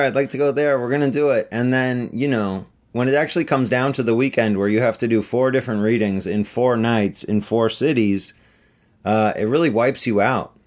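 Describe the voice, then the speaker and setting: A middle-aged man, an author, answering interview questions in a relaxed, chatty way with many fillers. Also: on the low side. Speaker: author on book tour.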